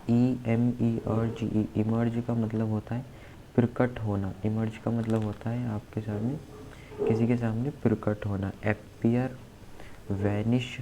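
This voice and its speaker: A man's voice: fairly low pitch, mellow, low-quality recording. A man teaching exam vocabulary, spelling words out letter by letter and repeating key words as he explains memory tricks. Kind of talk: exam-prep vocabulary lesson. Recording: faint background noise.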